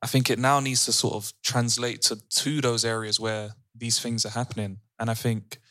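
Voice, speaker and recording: A man's voice: mid-range voice, level tone, normal speed, pushed and bright, dry recording, studio quality. A man with a London roadman accent and urban slang, speaking casually and earnestly as a podcast host. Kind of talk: casual discussion.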